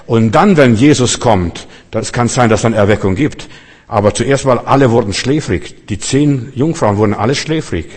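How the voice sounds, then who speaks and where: A man's voice: medium pitch, darkish tone. A man preaching a sermon in a chatty, rambling way, often repeating words as he restarts. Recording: long hall reverb.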